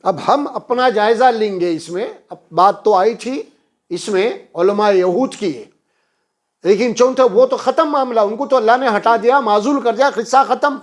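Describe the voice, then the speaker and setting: A man with a notably high voice delivers a Quran lesson sermon. He chants Arabic verses and then explains them, pushing his voice up with fervent emphasis. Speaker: preacher.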